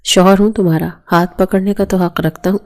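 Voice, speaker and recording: A woman reading the lines of a young husband, sharp when angry and gentle when he comforts. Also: fairly low pitch, fairly even intonation, close to an everyday voice. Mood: tender. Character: stern young husband, harsh then tender.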